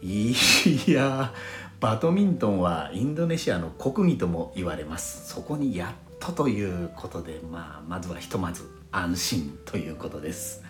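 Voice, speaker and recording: Low-voiced man hosting a solo podcast. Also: lively intonation, normal speed. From Fukushima, Japan. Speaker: podcast host. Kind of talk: solo audio podcast talk. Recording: roomy sound with faint background music.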